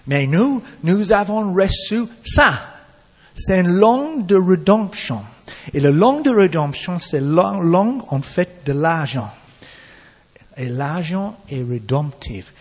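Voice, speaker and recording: A man with an English accent preaching a sermon in halting French, restarting his words often. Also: a little high, slightly rough, long reverb tail.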